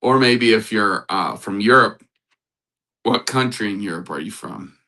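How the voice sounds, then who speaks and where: A man's voice: on the low side, measured pace, pushed and bright, rough recording. A man hosting a casual live stream as a matchmaker, upbeat, greeting viewers in the chat and repeating motivational phrases. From United States. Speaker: livestream host and matchmaker.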